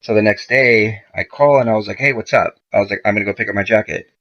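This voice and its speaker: Gravelly low-voiced man telling a story. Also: fast talker. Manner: profane, animated retelling with quoted dialogue. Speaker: podcast guest. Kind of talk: casual storytelling. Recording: dull lo-fi podcast audio.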